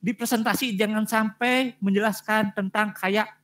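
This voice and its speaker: A man's voice: high voice, steady tone, a little slow, fairly bright tone. A male lecturer giving direct feedback on student presentations, repeating his points for emphasis. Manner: direct, repetitive emphasis with frequent fillers.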